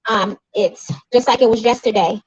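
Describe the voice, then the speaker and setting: A woman's voice: fairly high pitch, steady tone, normal speed, breathy edge, no room sound, faint music behind. A woman in her forties speaking as a grieving sister at an outdoor rally in the rain, emotional and at times angrily accusing. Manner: emotional, rising to angry accusing outbursts. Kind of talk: impassioned protest speech. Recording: dull lo-fi recording.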